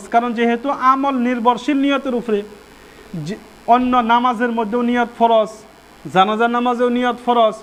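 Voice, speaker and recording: A man's voice: extremely high pitch, fairly bright tone. A man giving a Friday sermon as a mufti, asking the listeners questions and answering them himself. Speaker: mufti preacher. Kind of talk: Friday sermon on prayer rules.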